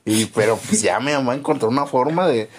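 A young man with a Mexican accent, chatting casually as a podcast co-host and telling stories in a slangy, swearing, animated way. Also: medium pitch, a little fast, slight background noise. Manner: slangy, animated storyteller who swears a lot. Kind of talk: casual chat.

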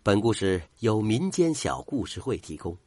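Expressive older man telling a folk tale. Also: moderate pace, no echo. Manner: dramatic, highly expressive. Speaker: storyteller.

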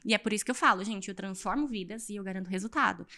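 A woman from Brazil, a fitness coach guest on a podcast, talking in an energetic, emphatic, motivational way. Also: medium pitch, racing. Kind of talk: casual podcast chat.

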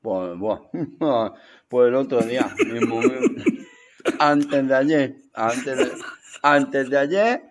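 A man playing a boastful, rambling old male vampire in an improvised comedy sketch, giggling and slipping into squeaky shouts. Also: extremely slow. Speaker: comic guest in character.

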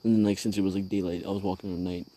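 A man's voice: low-pitched, flat delivery, very fast, mellow. A man hosting his own show, telling a rambling, profane story in casual slang while sitting outdoors at night. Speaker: podcast host.

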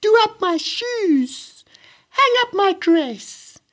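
A woman voicing the jealous, unkind stepsisters of a storybook in a shrill, demanding tone. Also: very animated, drawn-out words, fairly bright tone, full character voice. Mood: bossy. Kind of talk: storybook read-aloud.

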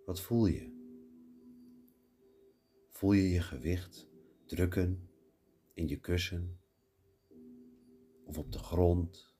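A man guiding a mindfulness meditation, giving calm, unhurried breathing instructions with long pauses. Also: low-pitched, faint music behind. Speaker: meditation guide.

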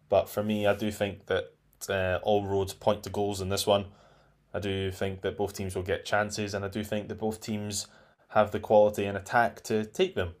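Deep-voiced male panelist, measured and hopeful, casual football talk. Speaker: podcast panelist.

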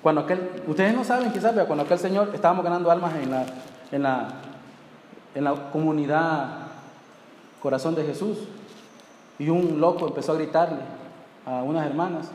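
A man's voice: fairly high pitch, normal speed, long pauses, darkish tone. A man preaching a sermon as pastor, emphatic and drawn out with colloquial asides. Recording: echoey church hall with faint noise.

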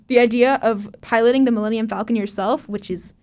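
Young female co-host, excitable, gasps and exclaims, slightly high pitch. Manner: excitable, quick to gasp and exclaim. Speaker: podcast co-host. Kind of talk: casual chat.

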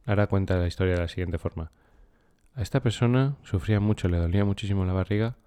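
A man hosts a podcast and talks through a book in a calm, unhurried way, like a trainer. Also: deep voice, no echo, clean studio sound. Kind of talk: casual podcast monologue on a book.

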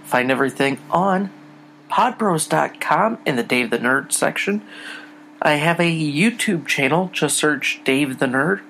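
On his solo podcast, a man chats casually with listeners, addressing them directly. His voice sits a little high and a bit bright, animated yet unhurried, with some creak and slight background noise.

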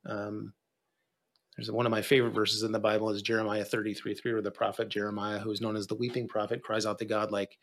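A man's voice: fairly low pitch, level tone, fast, fairly bright tone. A man hosting a podcast, affirming his guests and encouraging listeners in a preacher-like way. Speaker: podcast host. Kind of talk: casual podcast conversation.

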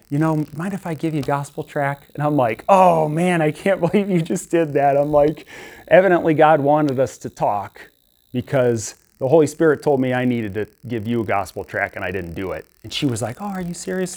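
A young man preaching in a loose, conversational way, telling stories from his week and often restarting his sentences. His voice sits at a middle pitch for a man. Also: a little mellow. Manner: conversational, storytelling, many restarts. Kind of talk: informal sermon.

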